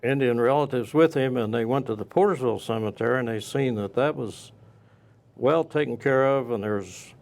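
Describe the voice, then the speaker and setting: As the interview's guest, a local historian talks through bygone times off the cuff, his speech broken by pauses mid-sentence. The voice is mid-range and creaky, with a darkish tone.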